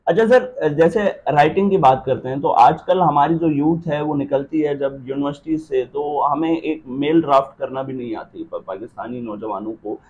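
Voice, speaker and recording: A man's voice: on the high side, moderate pace, few pauses, darkish tone, dull audio, a little hiss or hum. A man hosting an interview show, asking the guest questions politely and calling him sir.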